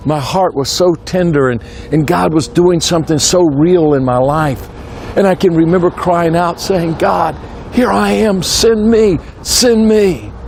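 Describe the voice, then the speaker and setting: A man giving an outdoor devotional sermon, earnest, rising to lifted exclamations and dropping to low hushed phrases. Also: slight background noise. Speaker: evangelist. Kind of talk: devotional preaching. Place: outdoors at a personal prayer spot.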